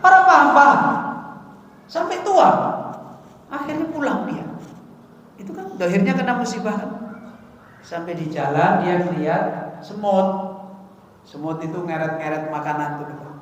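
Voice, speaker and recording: Male ustadz, high pitched, storytelling sermon, very echoey mosque recording. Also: measured pace, long pauses, slight background noise. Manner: lively storytelling, asks the audience questions; mixes in Javanese words and recites Arabic text. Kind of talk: mosque study-circle sermon. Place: mosque hall.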